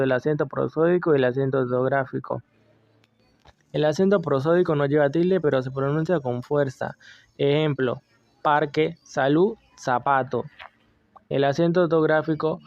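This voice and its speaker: A man reading class notes aloud in a measured, list-like way, with occasional slips. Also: a little high, a little mellow, no room sound. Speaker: student presenter.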